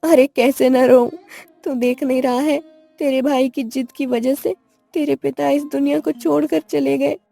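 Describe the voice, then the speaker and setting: A woman voicing an anxious, grieving old village mother in an animated story, in a gravelly voice. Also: sits high, unhurried, no room sound, soft background music. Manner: anxious, pleading.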